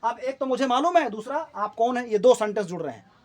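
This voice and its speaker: A man's voice: very high voice, animated, quick pace. A man teaching an English lesson in Hindi. He explains sentence types step by step, often checks in with the class, and repeats key terms. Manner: says English example sentences more loudly and clearly.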